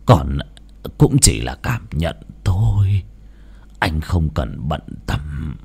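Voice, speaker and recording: A man voicing a frail old man in a told ghost story, speaking slowly in a low half-whisper. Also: very animated, slightly rough, exaggerated voice. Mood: grave. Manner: slow, hushed, half-whispered.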